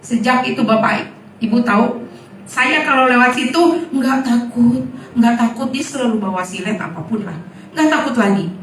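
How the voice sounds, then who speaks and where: A woman preacher giving a sermon with personal testimony, telling stories with lively acted-out dialogue. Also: fairly high pitch, moderate pace, slight background noise. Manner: lively storytelling, acting out dialogue. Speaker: guest preacher. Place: church hall. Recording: echoey hall, mic from far off.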